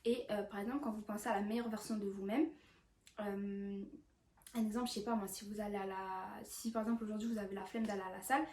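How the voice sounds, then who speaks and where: A young woman YouTuber talks casually about self-improvement in a quick, fairly even, darkish medium-pitched voice, hesitating often with fillers and restarts. The room is echoey, the mic sits at a distance, and faint hiss runs underneath.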